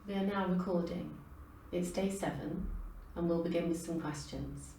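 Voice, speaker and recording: A detached female research interviewer, played by an actress, questions her subject formally and with measured care. Her voice is low and soft-edged, picked up at a distance in a roomy space with some faint noise. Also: natural voice. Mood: clinical. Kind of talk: scripted clinical interview.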